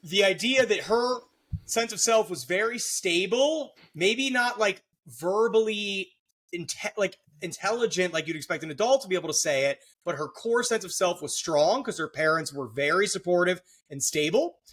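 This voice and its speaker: A man's voice: high voice, expressive, moderate pace, fairly bright tone. A middle-aged man hosting a podcast, explaining psychology in a casual, joking way with lots of fillers. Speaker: podcast host, therapist.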